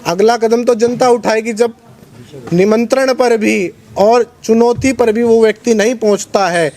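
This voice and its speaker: A man speaking as a religious organisation's spokesman at a press conference, in a forceful, combative preaching tone. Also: very high-pitched, fairly even intonation, unhurried. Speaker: Arya Samaj spokesman.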